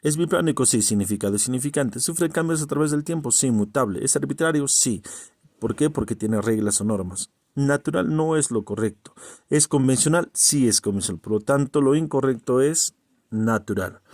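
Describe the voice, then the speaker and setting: A man's voice: mid-range voice, normal speed, a little mellow, dry recording, studio quality. Man teaching, quizzing himself aloud. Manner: rhetorical questions then answers them himself; checks in with the listener, repeats key terms. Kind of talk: recorded exam-prep language lesson.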